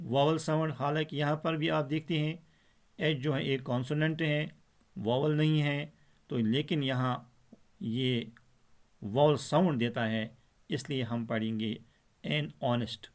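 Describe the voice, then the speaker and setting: Slow, patient male English teacher. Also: fairly high pitch, steady tone. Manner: patient, repeats example words slowly. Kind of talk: slow explanatory lesson.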